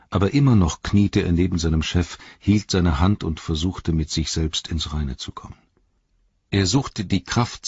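Male narrator, deep voice, very husky, slow sombre reading, dry muffled recording. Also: no room sound. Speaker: audiobook narrator. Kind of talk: scripted narration.

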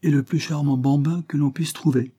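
Un homme jouant un jeune avoué calme et ferme. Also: male voice, on the high side, normal speed, pitched above the performer's own voice, lightly acted. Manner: firm, evasive, good-humoured. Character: calm self-possessed young male lawyer.

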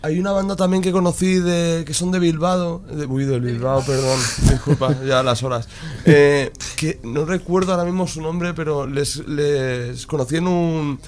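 A man's voice: fairly high pitch, moderate pace, few pauses, a little mellow. A man from Spain, a band musician guesting on a radio show, friendly and hesitant, often searching for his words. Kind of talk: casual radio interview.

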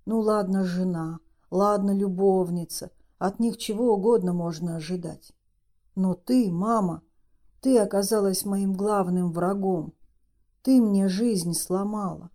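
A woman's voice: medium pitch, unhurried, mellow, natural voice. A woman voicing an injured man who speaks in a bitter, mocking, spiteful tone.

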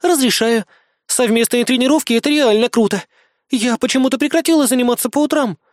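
A reader voicing a red-haired female lieutenant who speaks in an innocent, even tone. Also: mid-range voice, fast, dry recording, studio quality, voice pushed up, close to an everyday voice. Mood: dreamy. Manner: flat, innocent tone.

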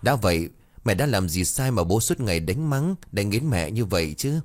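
A man voicing a headstrong, bitter teenage girl who shouts back defiantly in a storybook reading. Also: on the low side, very animated, moderate pace.

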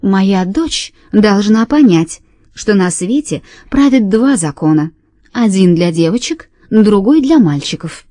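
A pompous, stuffy gentleman father lectures in a slow, self-important drawl, played by a woman reading a storybook. The voice is mellow and warm. The recording is dry and close. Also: mid-range voice, expressive, no room sound, lightly acted. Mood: lecturing.

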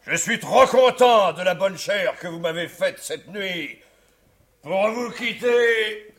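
A cackling raspy old swindler. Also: male voice, sits high, animated, takes it slowly, fairly bright tone, exaggerated voice. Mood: mocking. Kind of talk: 1950s French radio drama acting.

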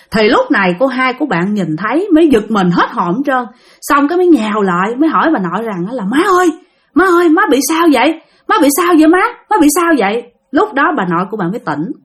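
A woman's voice: fairly high pitch, fairly bright tone. Chatty woman storyteller. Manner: chatty, addresses listeners directly. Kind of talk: ghost story narration.

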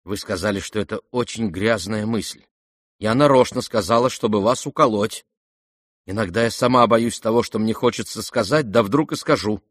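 A man's voice: on the low side, moderate pace, no echo, clean studio sound, close to an everyday voice. A man reading aloud and voicing a proud, irritable young noblewoman who speaks sharply and indignantly. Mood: embarrassed.

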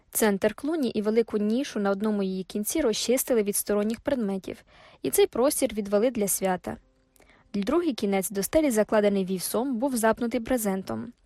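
A woman's voice: mid-range voice, brisk, dark tone, dry recording, studio quality. Woman narrating a classic novel. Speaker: audiobook narrator. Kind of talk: literary audiobook narration.

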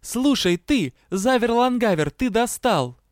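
A man voicing a furious, fearless young female vampire who shouts and threatens. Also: high-pitched, normal speed, smooth, no echo, studio quality, voice pushed up, lightly acted.

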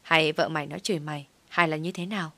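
A woman voicing a worried, loyal young man who chatters fast and frets about his friend. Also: sits low, steady tone, pushed and bright, no room sound, full character voice.

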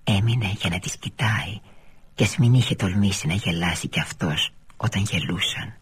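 Brief: low, very husky man reading a novel for radio, measured, drifting to a near-whisper. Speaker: reader. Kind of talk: literary novel read aloud on radio.

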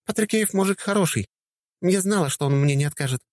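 A cheerful young woman full of teasing energy, put on by a male narrator. The voice sits high and bounces around with lively pitch. It is recorded close and dry, like a storybook reading. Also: brisk, no echo.

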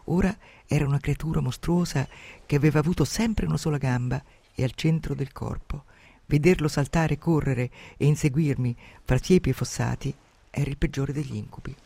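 A male radio host retells a classic adventure story with lively, dramatic commentary, slipping between summary and reading. His voice sits a little higher than most men's. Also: a little fast, gravelly, husky, dry recording. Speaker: radio host presenting a novel.

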